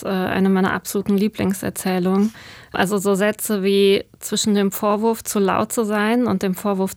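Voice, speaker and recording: Brief: woman author in her thirties from Germany, interview guest, reflective and hesitant, mid-pitched voice, dry close mic. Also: dry recording. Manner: thoughtful, searching for words with many fillers.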